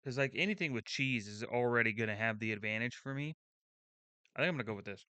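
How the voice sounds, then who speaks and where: A man's voice: mid-range voice, quick pace, sharp tone, smooth, no room sound. A young man hosting his channel, reacting to a food video in casual, blunt commentary, swearing freely and thinking aloud with restarts.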